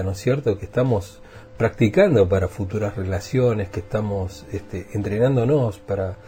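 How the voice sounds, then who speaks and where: A man hosting a reflective radio monologue, thoughtful and halting, often repeating words as he searches for them. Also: on the low side, mellow.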